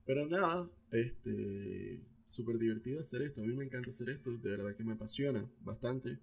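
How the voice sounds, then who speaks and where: A young adult man with a Venezuelan Spanish accent, co-hosting a podcast in a relaxed, slangy, rambling chat. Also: medium pitch, brisk, vocal fry, husky. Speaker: podcast co-host. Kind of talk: casual chat.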